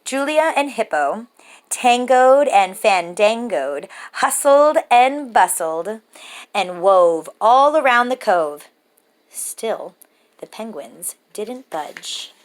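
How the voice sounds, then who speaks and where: A woman storyteller with a fairly high voice reads a children's picture book aloud. Her phrasing is measured, rhythmic, and expressive, aimed at young listeners.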